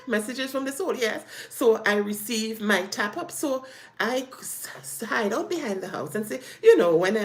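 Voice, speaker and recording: A woman sharing a personal testimony in an earnest, faith-filled way, retelling events dramatically. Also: medium pitch. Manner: animated, dramatic retelling with acted quotes.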